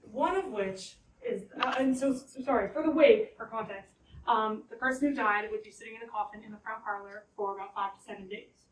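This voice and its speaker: A woman with a fairly high voice leads an informal guided tour, explaining things in a conversational, halting way. She is recorded at some distance in a roomy, echoing indoor space with some noise around her. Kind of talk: informal guided tour narration to a small group. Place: indoors in a house parlor. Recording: roomy echo, distant mic, background noise.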